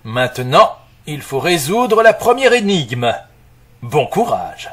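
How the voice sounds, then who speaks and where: A man's voice: on the high side, very animated, slow pace, fairly bright tone, breathy edge, full character voice. A man playing a welcoming elderly inventor who appears as a hologram in an audio story for language learners. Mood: welcoming, solemn.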